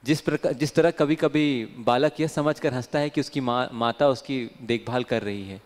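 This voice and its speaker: A man reading a devotional commentary aloud, slowly and carefully, pausing and repeating words. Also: medium pitch. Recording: long hall reverb.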